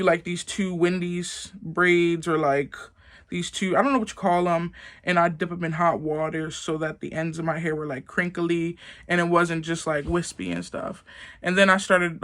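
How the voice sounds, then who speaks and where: A woman's voice: lowish voice, fairly bright tone. A young woman telling a casual story to the camera, rambling and filling with "like". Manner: rambling, heavy use of "like". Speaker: vlogger.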